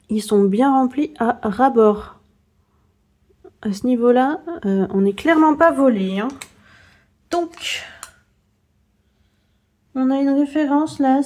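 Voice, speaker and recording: A woman's voice: high-pitched, takes it slowly, long pauses, a little mellow. A young woman chatting casually as she unboxes and swatches paints, narrating each step of her hands-on work with small asides. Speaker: art vlogger.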